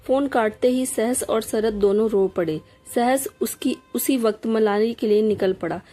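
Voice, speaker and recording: Lady storyteller reading an emotional family tale, fairly high voice, steady. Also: unhurried, soft background music. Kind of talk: scripted story narration.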